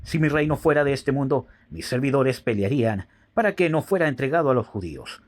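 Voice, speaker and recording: A man reading Jesus, slow and grave. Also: mid-range voice, expressive, lightly acted. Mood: solemn. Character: calm grave adult male teacher, Jesus.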